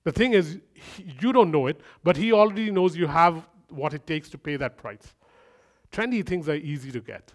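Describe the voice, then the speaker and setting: A fairly high-voiced man gives a sermon at a normal speed, keeping the tone relaxed and conversational. Humorous side remarks pop up, and he uses repetition of phrases to build his argument.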